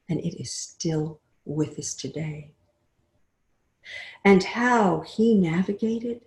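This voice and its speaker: An older woman giving a webinar talk, telling stories expressively and often trailing off into a soft, quiet voice. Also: lowish voice. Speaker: webinar speaker. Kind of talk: storytelling talk. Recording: roomy echo.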